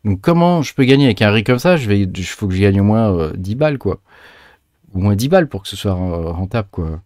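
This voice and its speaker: A man with a lowish voice walks viewers through a tutorial in a loose, chatty way. He stumbles, repeats himself and fills gaps with hesitation sounds. The sound is dry and close, with no room around it. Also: expressive, a little fast, darkish tone, no room sound. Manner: hesitant, lots of filler sounds and restarts; chatty, addresses viewers directly. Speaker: crypto mining tutorial host. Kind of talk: casual screen-share tutorial.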